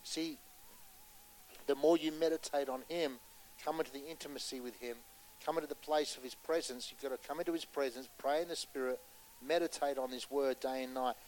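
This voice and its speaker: A man preaching a sermon with passion, pressing his points loudly and then dropping to a hushed voice to tell a story, and putting questions to his listeners. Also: medium pitch, steady tone, fairly quick, rough recording. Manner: impassioned, swinging between loud urgency and hushed storytelling; asks the audience rhetorical questions.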